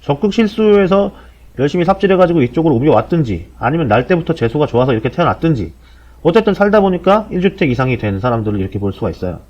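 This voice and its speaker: A man in his forties hosting a podcast, explaining things in a blunt, sardonic, casual way, heard through low-quality compressed audio. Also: very animated, racing, darkish tone. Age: 40s. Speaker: podcast host. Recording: dull low-bitrate lo-fi audio.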